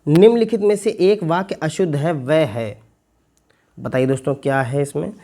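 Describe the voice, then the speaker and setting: Working through an exam paper as a lesson, this male teacher has a fairly high, warm voice. He draws words out slowly and repeats them to spell them, addressing viewers as friends and putting questions to them.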